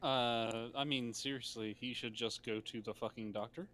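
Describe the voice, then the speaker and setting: A man with a bright, forward tone and a mid pitch chats on a call. He jokes dryly. A faint hiss sits behind him. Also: steady tone, moderate pace. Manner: dry, joking. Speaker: friend on voice call. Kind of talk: casual chat.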